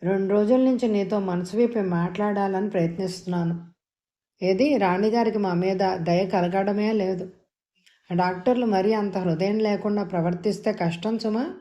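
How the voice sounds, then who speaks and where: A woman's voice: medium pitch, fairly even intonation, moderate pace, mellow, muffled recording, natural voice. A woman voicing a bitter, jealous middle-aged uncle in an audio novel, talking heatedly. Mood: pleading.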